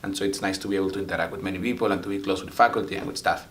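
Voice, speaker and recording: Fast-talking young man. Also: sits low, fairly even intonation, a bit bright, slight background noise. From Venezuela. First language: Spanish. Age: young adult. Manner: talkative, many "like" fillers. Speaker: international student. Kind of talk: interview answers.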